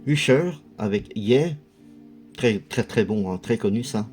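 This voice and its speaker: Male vlog host, low mellow voice, chatty and hesitant delivery. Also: measured pace, soft background music. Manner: chatty, hesitant, lots of fillers. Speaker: video host showing a music collection. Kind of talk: casual commentary.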